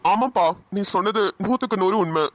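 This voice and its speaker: A man voicing a kindly father of grown sons in a cartoon, talking quickly and agreeably. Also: high voice, a bit bright, no echo. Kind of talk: cartoon voice acting.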